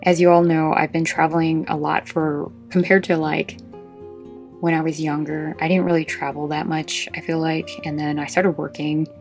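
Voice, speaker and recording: A woman's voice: low-pitched, flat delivery, moderate pace, vocal fry, darkish tone, soft background music. A woman chatting casually and informally as a vlog host, short of breath, meandering through asides as she shows off a craft collection.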